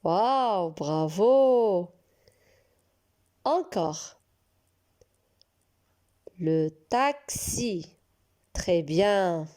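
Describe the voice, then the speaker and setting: Woman, preschool teacher, very slow, mellow, encouraging. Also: lowish voice, expressive. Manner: slow, drawn-out and encouraging, praising often. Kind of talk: recorded reading lesson for young children.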